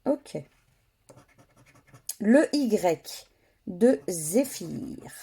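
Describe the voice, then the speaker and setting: A woman giving slow, methodical running commentary as she scratches lottery tickets, spelling out letters one by one. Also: mid-range voice, very animated, warm tone, slightly rough.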